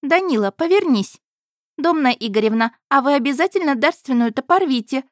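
A woman voicing a spiteful, bratty young noblewoman who talks in a shrill, demanding voice. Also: lively intonation, a little fast, no room sound, clean studio sound. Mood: scheming.

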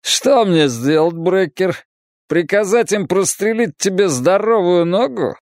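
A male audiobook narrator voicing a sneering male gang boss with a high, shrill voice that turns panicky. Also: expressive, a little slow, no echo, clean studio sound. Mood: taunting. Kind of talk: audiobook character voice.

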